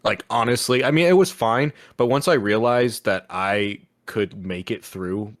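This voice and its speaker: A man hosting a casual chat, relaxed and offhand with wry verdicts. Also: fairly low pitch, measured pace, no room sound. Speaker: host.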